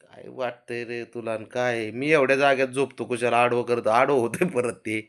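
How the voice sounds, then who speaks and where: A man's voice: mid-range voice, steady tone, normal speed, a bit bright. A man speaking, chatting casually and teasingly to his pet cat, coaxing it and often raising his voice. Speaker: pet owner.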